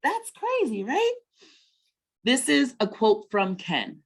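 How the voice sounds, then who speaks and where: As host of a children's story time webinar, a woman speaks slowly in a fairly high voice with huge pitch swings and a breathy edge. She's conversational and encouraging, like a teacher guiding kids with leading questions.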